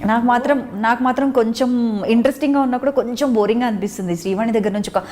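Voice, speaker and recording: Woman interview host: fast, teasing, persistent, with a slightly high voice. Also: a little mellow. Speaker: talk show host. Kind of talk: casual interview chat.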